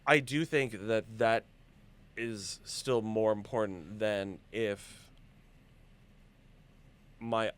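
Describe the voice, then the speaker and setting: A man's voice: fairly low pitch, fairly even intonation, drawn-out words, long pauses, smooth. A man speaking as a guest on an online acting Q&A over a video call, blunt and emphatic, full of casual fillers. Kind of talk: casual conversational chat.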